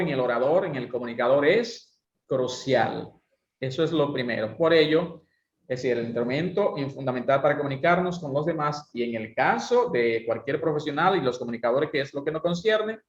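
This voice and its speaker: Male voice coach lecturing, didactic, muffled roomy recording. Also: mid-range voice. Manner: didactic, asks rhetorical questions. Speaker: voice and speaking instructor. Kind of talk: online class lecture with exercises. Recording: roomy, dull lo-fi sound.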